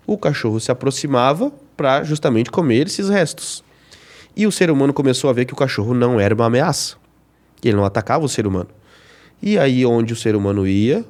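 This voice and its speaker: A man's voice: medium pitch, darkish tone. A man explaining dog training as a podcast guest, teaching with everyday examples and rhetorical questions.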